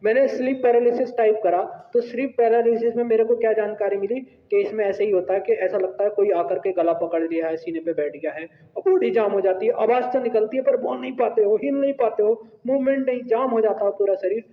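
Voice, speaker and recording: A male teacher telling a personal story to his class in an animated, conversational way. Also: high-pitched, a little fast, hardly any pauses. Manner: animated, conversational, asks "right?". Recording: echoey hall, tinny phone-like sound.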